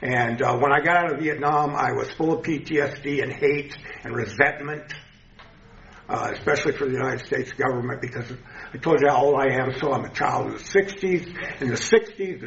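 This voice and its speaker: A man's voice: mid-range voice, brisk, gravelly, fairly bright tone, slight background noise. A man in his seventies with a toothless lisp, giving an informal personal testimony to a group. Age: 70s. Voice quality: lisp from missing teeth. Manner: informal, conversational. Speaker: speaker sharing a recovery story at a meeting. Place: echoey indoor meeting room. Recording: muffled, echoey meeting-room recording.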